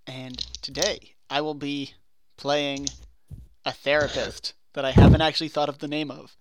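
A man's voice: fairly high pitch, level tone, moderate pace, slight background noise. Rambling man running a tabletop game. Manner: rambling, self-correcting. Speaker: game master. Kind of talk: casual tabletop game chat.

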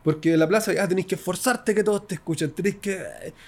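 Animated young Chilean man, higher voice. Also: fast talker. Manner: slangy, animated storytelling with shouted imitations. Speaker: freestyle rapper guest. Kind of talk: casual interview chat.

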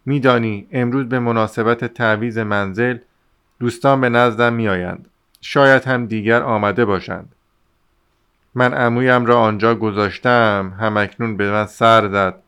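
A man reading the lines of an exasperated young man who shouts at and scolds his friend. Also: on the low side, steady tone, clear, resonant tone. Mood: scolding.

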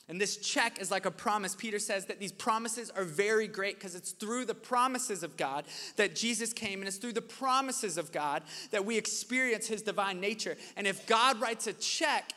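A young man preaching a sermon to a church audience in a casual, conversational way, telling stories with animated energy. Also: high voice. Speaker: pastor. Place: church hall with live audience. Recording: reverberant hall.

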